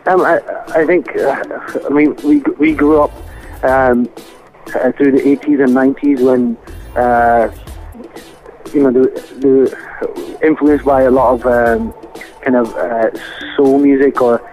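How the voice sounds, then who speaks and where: A man's voice: medium pitch, steady tone, measured pace, a little mellow, soft background music, poor audio. A man with a Scottish accent giving a casual interview as a musician guest over the phone, speaking in a hesitant, thoughtful way. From Scotland. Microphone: phone line.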